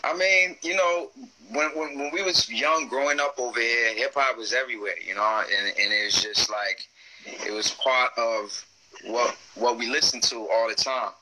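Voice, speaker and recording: A man in his thirties, a rapper on a live video call, with a bright, tight, edgy tone. He talks easygoing and streetwise, dropping frequent "you know what I'm saying". He sounds like he is on a webcam in a room at home. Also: mid-range voice, normal speed, a little hiss or hum, low-quality recording. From Washington DC / Maryland area, USA. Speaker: rapper, interview guest. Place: room at home, seated in gaming chair. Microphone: phone or webcam on a video call.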